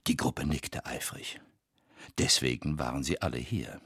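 Male audiobook narrator, very deep and slow, husky, suspenseful measured reading. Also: a bit bright, dry recording, clean studio sound.

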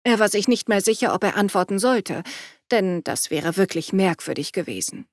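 A woman reading a novel aloud in an even storytelling delivery. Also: mid-range voice, normal speed, no room sound, studio quality. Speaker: audiobook narrator. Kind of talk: scripted narration.

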